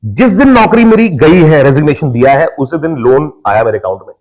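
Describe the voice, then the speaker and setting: A man's voice: fairly high pitch, brisk. A young Indian man from India, a podcast guest and actor, telling his life story in casual conversation and acting out his family's voices. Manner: lively storyteller who acts out family members' voices.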